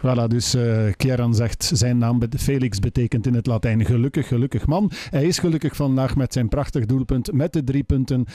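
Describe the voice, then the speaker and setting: An older man, a club TV interviewer, doing a post-match interview in two languages, halting with many fillers and translating each answer, on a handheld mic in a locker room. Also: medium pitch, dark tone, dry recording, clean studio sound.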